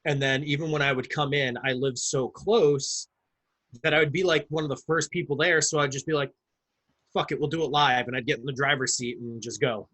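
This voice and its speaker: A man co-hosting a casual podcast, talking in a relaxed, dry way and swearing now and then. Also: mid-range voice, a little fast, poor audio. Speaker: podcast co-host. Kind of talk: casual chat.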